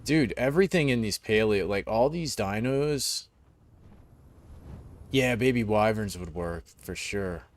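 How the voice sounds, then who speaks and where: A young man hosting a late-night game stream, talking in a relaxed, rambling way. His voice sits on the low side as he chats with viewers. He tells stories between bits of gameplay. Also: measured pace. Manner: laid-back, rambling, peppered with dude and man. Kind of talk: casual gaming chat and storytelling.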